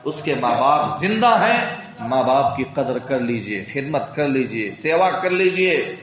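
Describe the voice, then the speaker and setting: A man's voice: very animated, fairly bright tone. A man preaching a weekly sermon, telling a cautionary story and urging his listeners as his brothers to honor their parents. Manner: storytelling, rising high for the pleading mother and dropping low for asides. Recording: very echoey, dull lo-fi sound.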